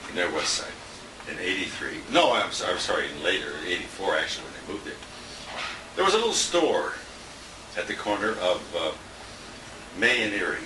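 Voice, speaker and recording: Speaking low and very animated at a moderate pace, with frequent pauses, a radio colleague offers a loose, anecdote-filled tribute at an indoor restaurant dinner, chuckling along the way. It's picked up from a distance on a handheld compact camera, with a roomy, noisy result.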